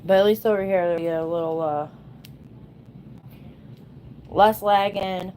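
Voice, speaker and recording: A woman's voice: medium pitch, steady tone, measured pace, mellow, slight background noise, rough recording. A woman in her thirties ranting bluntly and sarcastically to her livestream viewers in casual chat. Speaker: livestream host.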